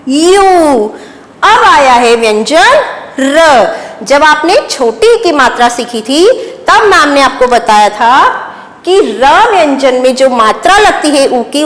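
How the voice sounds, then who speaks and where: A woman's voice: high voice, a bit bright, in a large hall. A woman teaching young children a phonics lesson, patiently asking questions and answering with praise. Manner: slow, patient, call-and-response questions and praise. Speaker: primary school teacher.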